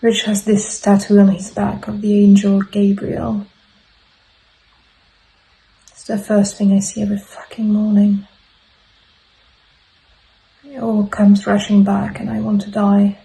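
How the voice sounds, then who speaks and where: An actress playing a grieving mother who makes a halting confession in a dramatic monologue. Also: medium pitch, monotone, creaky, warm tone, rough recording. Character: grieving mother haunted by her lost child. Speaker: actor in a showreel scene.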